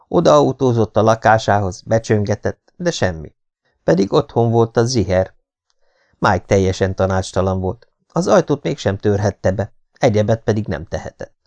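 Low-voiced male audiobook narrator. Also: darkish tone. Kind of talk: scripted narration.

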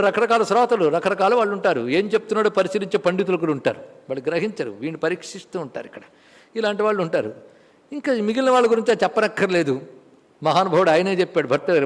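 A man with a Telugu accent giving a religious discourse on scripture, telling stories and chanting verses slowly. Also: high voice, in a large hall. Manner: storytelling, chanting verses in a slow measured tone. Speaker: spiritual lecturer.

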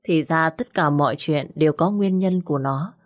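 A woman narrating a scripted audio story in a steady, dramatic storytelling manner. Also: low voice, normal speed. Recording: faint background music.

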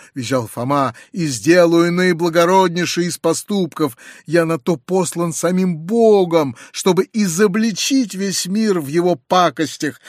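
A man doing a shrill, pompous self-righteous hypocrite. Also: no room sound, studio quality. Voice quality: shrill and preachy. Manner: haughty, sanctimonious, shrieks when enraged. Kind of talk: audiobook reading.

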